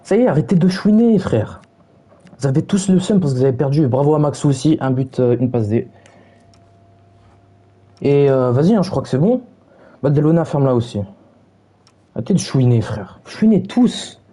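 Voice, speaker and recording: Young man streamer, mocking and brash, very dark mellow voice, husky. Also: mid-range voice, animated, moderate pace, pauses often. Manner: mocking, taunting chat, brash slang. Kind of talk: casual stream chat.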